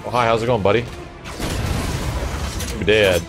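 A man hosting a gaming channel, bantering and swearing excitedly while playing co-op and thanking viewers. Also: lowish voice, unhurried. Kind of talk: co-op gameplay commentary. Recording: voice over loud game music. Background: game music.

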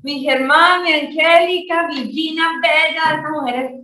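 A Colombian woman hosting a live video call, greeting her audience warmly and effusively, laughing often. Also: high voice, fairly even intonation, a little slow. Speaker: network marketing presenter. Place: home living room. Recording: echoey, from a distance.

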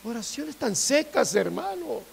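Man, preacher, fervent sermon, repetitive appeals, very high pitch, strongly gravelly. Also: very animated, a little slow, slight background noise. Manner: fervent, repetitive, swings between loud and hushed. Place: church.

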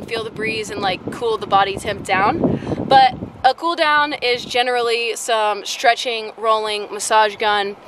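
A woman's voice: a little high, background noise. A young woman sitting outdoors, informally explaining things to a camera a short distance in front of her in a casual vlog style. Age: young adult. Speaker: running vlogger. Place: outdoors, sitting by desert shrubs.

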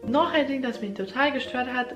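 Speaking briskly in a high-pitched voice, this young woman shares her experience teaching German, a language that isn't her native one. She's earnest, talks with her hands, and her phrasing is a bit non-native. The casual piece is filmed from the front at head-and-shoulders framing in a small, echoey indoor room, with background music.

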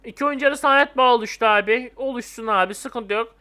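A young man doing casual, excitable gameplay commentary, joking and talking to viewers. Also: very high-pitched, fast talker. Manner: excitable, jumpy, joking, talks to friends and viewers. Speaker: gaming YouTuber.

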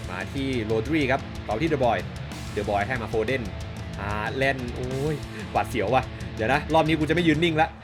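A man giving casual, excitable commentary over his own football video game match. He swears freely, laughs a lot, and shouts at big moments. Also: medium pitch, moderate pace, over music. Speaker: gaming YouTuber. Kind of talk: live gameplay commentary.

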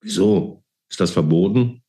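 A frightened young woman caught by the secret police, read by a man with a deep, warm voice, anxious but defiant. She pleads and pushes back with nervous urgency. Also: measured pace. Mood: desperate.

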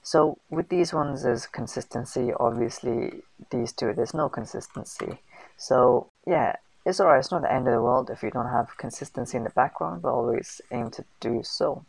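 A man's voice: medium pitch, normal speed, gravelly, slightly rough, no echo, rough recording. A man hosting a casual screen-recorded tutorial, chatty and full of fillers and slang. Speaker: host of a food business channel.

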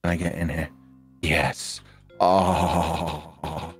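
A man's voice: a bass voice, flat delivery, drawn-out words, husky. A man streaming a game, chatting casually and teasing his co-player, swearing a lot and laughing often. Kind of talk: casual gaming chat. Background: game music.

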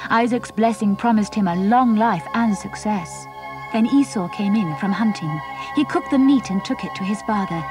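A woman narrating a children's Bible story in a simple, clear storytelling manner. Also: mid-range voice.

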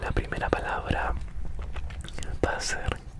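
Young man in a slow ASMR whisper. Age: 20s. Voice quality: breathy, unvoiced whisper. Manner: slow, repeats words softly. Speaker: ASMR video creator. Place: inside a parked car. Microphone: handheld mic with fluffy windscreen, held close to mouth.

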